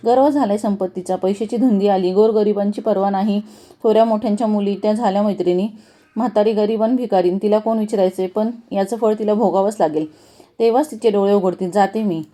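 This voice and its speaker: A woman's voice: medium pitch, mellow, natural voice. Indignant old beggar woman, read by a woman. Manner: scolding.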